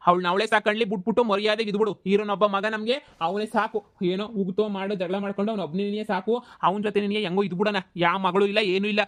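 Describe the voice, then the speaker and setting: Male actor as a middle-aged village landlord in a comedy cartoon, bullying and shouting, dry recording. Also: high-pitched, little pitch movement, fast, hardly any pauses, no room sound. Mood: angry, threatening. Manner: shouting insults and threats.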